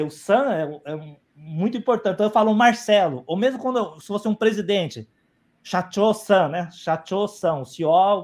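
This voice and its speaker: A man speaking as a guest on a live stream, explaining at length and often adding "né?" and restarting his sentences, over a video call microphone. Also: sits high. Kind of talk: explanatory talk.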